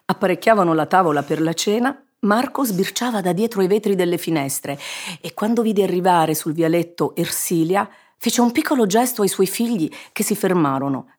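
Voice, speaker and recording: A woman narrating a children's story in an expressive, measured reading. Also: lowish voice. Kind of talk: scripted narration.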